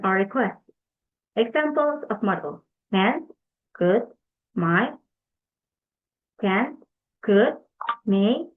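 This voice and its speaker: A young woman, reading a class presentation aloud in a careful, deliberate way and correcting herself as she goes. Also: medium pitch. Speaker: student presenter. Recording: tinny phone-like recording.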